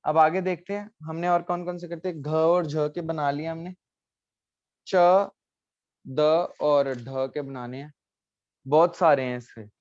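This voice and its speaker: A man teaching a language class online, repeating each word slowly and quizzing his students. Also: fairly high pitch, steady tone, a little mellow, no room sound. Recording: dull lo-fi sound.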